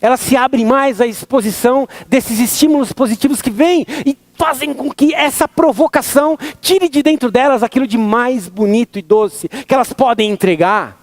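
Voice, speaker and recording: A man's voice: very high-pitched, normal speed, few pauses, dry recording, pitched above the performer's own voice. A man with a Brazilian accent voicing his folksy middle-aged mother, who talks in a homespun, chatty way. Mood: explaining. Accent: Brazilian Portuguese.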